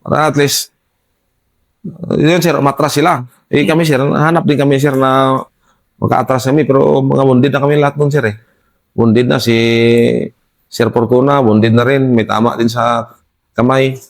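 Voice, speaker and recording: A man with a Filipino accent, a soldier recounting a firefight to an interviewer, halting, restarting often and politely addressing his listener as sir. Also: mid-range voice, fairly even intonation, vocal fry. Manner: deferential, says "sir" constantly, halting with many restarts. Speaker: soldier telling his combat story. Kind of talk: recounting a war story in an interview.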